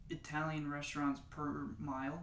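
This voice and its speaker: A man's voice: fairly high pitch, monotone, normal speed, fairly bright tone, far from the mic, a little hiss or hum. Joking man in casual chat, echoey. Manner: joking, conversational. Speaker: podcast co-host. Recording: echoey room.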